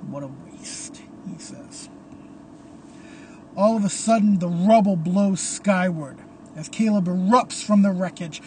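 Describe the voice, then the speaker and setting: A storyteller narrating a violent horror scene in a slow, deliberate, hushed reading. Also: mid-range voice, steady tone, background noise.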